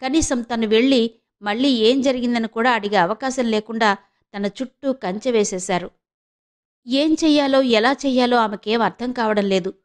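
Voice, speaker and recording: A woman narrating a novel audiobook in an expressive, measured storytelling manner. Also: on the high side.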